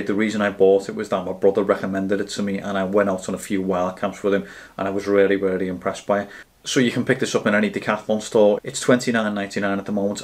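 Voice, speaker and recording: This camping gear reviewer, a man aged roughly 30 to 49, talks through a product on camera in a relaxed way. His voice is low and even, his manner plain and explanatory.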